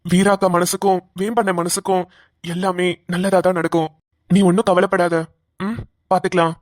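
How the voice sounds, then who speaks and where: A woman voicing a kind young man who gently comforts his family in a cartoon. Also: lowish voice, little pitch movement, normal speed, no echo, clean studio sound, lightly acted. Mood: tender.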